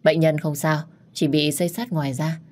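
A woman voicing a hospital doctor who calmly reports on a patient. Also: low-pitched, normal speed. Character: calm hospital doctor, matter-of-fact.

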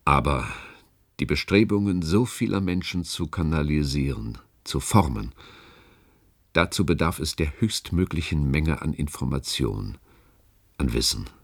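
Playing a grave, calculating older department chief in a German radio play, this male actor uses a very deep, gravelly, husky full character voice. He's expressive, with deliberate and persuasive rhetoric.

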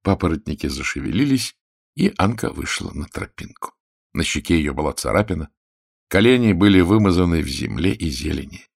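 A man reads a story aloud in a steady, measured way. His voice is deep and low. The recording is dry and close, with no room sound. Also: gravelly, slightly rough, no room sound. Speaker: narrator. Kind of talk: audiobook narration.

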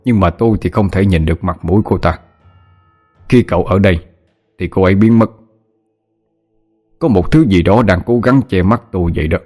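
A man's voice: low voice, darkish tone, soft background music. A man doing a grave middle-aged spirit medium. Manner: grave, slow, hesitant with fillers.

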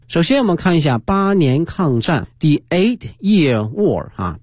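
Husky man teaching English on radio. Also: a little high, darkish tone, no echo, clean studio sound. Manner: explains patiently, spells words letter by letter. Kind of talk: bilingual vocabulary lesson.

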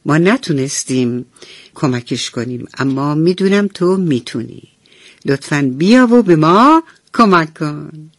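A woman's voice: deep voice, expressive, no room sound. A woman voicing an eager, helpful screwdriver who talks in a cheerful, coaxing way in a radio bedtime story.

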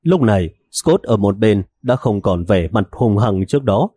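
Male audiobook narrator, low voice, mellow tone, dry sound. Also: expressive, normal speed, no echo. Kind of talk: scripted novel narration.

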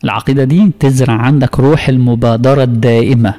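Emphatic Egyptian preacher in a reverberant hall. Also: male voice, medium pitch, steady tone, fast talker, warm tone. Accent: Egyptian Arabic. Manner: emphatic, asks many rhetorical questions. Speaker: preacher teaching a creed course. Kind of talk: religious lesson.

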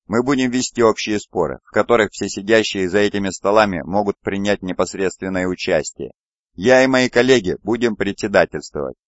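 A stern chief judge lays out court procedure in a low, measured official voice, read by a male narrator. The recording is dry and somewhat muffled. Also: dry recording, lightly acted.

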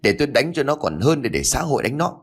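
A man's voice: medium pitch, very animated, quick pace, husky, pitched above the performer's own voice. A man voicing a stern, angry older stepfather who bellows and scolds. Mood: bitter.

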